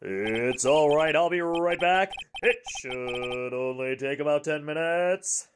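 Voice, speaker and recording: A woman's voice: slow, slight background noise. A woman voicing a bombastic circus ringmaster from a video game, announcing everything with bravado. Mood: grand bravado. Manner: booming ringmaster bravado, announcing plain remarks. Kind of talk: video game read-aloud. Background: game music.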